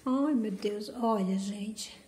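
Woman slowly cooing over her plants on her vlog, soft dark voice, echoey room. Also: mid-range voice, a little hiss or hum. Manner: gushing, affectionate, repeats "gente". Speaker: orchid channel host. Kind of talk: casual unboxing vlog.

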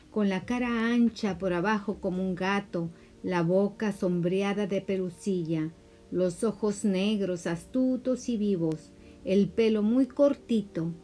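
Woman reading a story over soft music. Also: mid-range voice. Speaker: story reader. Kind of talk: audiobook narration.

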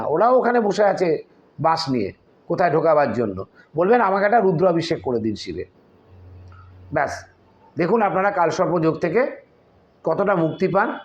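A man, a tantric practitioner, gives spiritual advice in a forceful, warning tone and slowly chants Sanskrit mantras. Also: sits high, dull audio.

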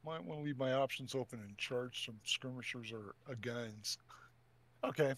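A man's voice: mid-range voice, normal speed, fairly bright tone. Hesitant man thinking through game moves. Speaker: player. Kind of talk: casual tabletop game chat.

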